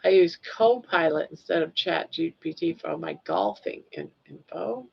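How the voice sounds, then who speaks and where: A gravelly, husky, low-pitched voice belongs to an older woman from Maine hosting a relaxed livestream. At a moderate pace she reads comments, rambling and laughing easily, over dull lo-fi stream sound.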